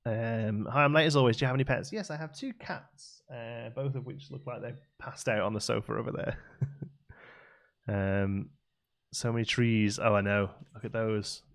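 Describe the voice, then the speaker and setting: A creaky, mid-range male voice with a steady tone and normal speed belongs to a West Midlands-accented streamer from Staffordshire. Relaxed and talkative, he reads and responds to chat while gaming in his home room with a green screen, often restarting and adding fillers.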